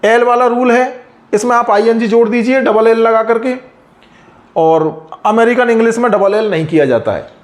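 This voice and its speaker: A man explains grammar rules like a teacher. He speaks patiently and drags out example words slowly so each sound comes through. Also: very high-pitched. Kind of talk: explaining a lesson.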